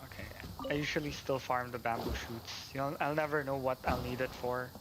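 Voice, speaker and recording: At home on a game livestream, a man chats casually, rambling and thinking aloud as he plays. His mid-range voice is fairly quick with fairly even intonation. Video game music plays behind him, and the background is noisy.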